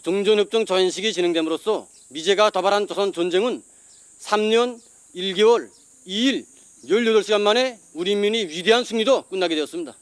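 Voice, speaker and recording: A man's voice: high-pitched, brisk, clean tone, no echo. A man with a North Korean accent giving a formal, scripted explanation as a site guide.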